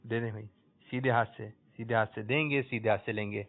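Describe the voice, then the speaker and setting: A man hosting a religious quiz for children, coaxing answers out of them and loudly praising the correct ones. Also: lowish voice, steady tone. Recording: tinny lo-fi phone-like sound.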